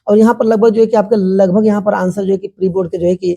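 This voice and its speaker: Husky dark-voiced teacher going over exam answers. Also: mid-range voice, fairly even intonation, dull audio. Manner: repeats "ठीक है ना", calls viewers "my dear children"; reads English answer lines slowly.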